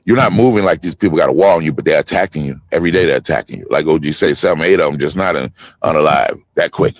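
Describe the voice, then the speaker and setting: Man, fifties, very deep voice, dry recording, heated street-slang panel talk. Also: fast, no echo, highs cut off. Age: 50s. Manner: forceful, preachy, street slang.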